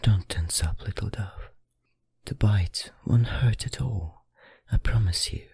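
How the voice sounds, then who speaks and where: Slow, formal, and soothing, a performer's vampire librarian seduces and teases in an ASMR roleplay, with an affected foreign accent and frequent breathy, husky whispers. The voice is deep, a little mellow, and exaggerated, with an enchanted, tender mood and no room sound.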